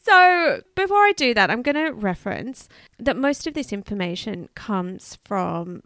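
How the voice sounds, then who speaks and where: Australian woman, podcast co-host, casual chat, animated pitch, dry sound. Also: dry recording. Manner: chatty, expressive, quick asides. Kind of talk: casual true-crime chat.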